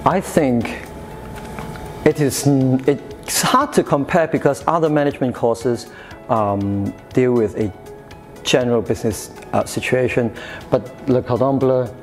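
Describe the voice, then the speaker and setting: This chef is a man in his thirties from Hong Kong who grew up in the UK, speaking as an interview guest in a café-style room with a sofa. His medium-pitched voice moves at a measured pace over faint music as he answers questions about his studies hesitantly, full of fillers and restarts.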